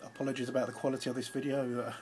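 Talking at a racing clip in a mid-range, fairly monotone voice, a man gives an informal, slightly hesitant live demo as an amateur radio operator. He's at a radio station desk indoors, captured on a handheld phone with a noisy background.

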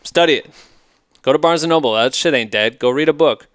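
Thirties male podcast host, emphatic swearing monologue, lowish smooth voice, close dry headset sound. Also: a little fast, a bit bright, dry recording. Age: 30s. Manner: profane, emphatic, rambling. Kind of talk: casual advice monologue. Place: hotel room at night, indoors. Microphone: headset mic.

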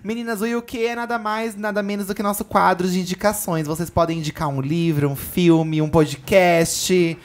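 A woman's voice: on the low side, steady tone, normal speed, hardly any pauses. A woman with a Brazilian accent hosting a podcast in casual, joking chat. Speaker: podcast host.

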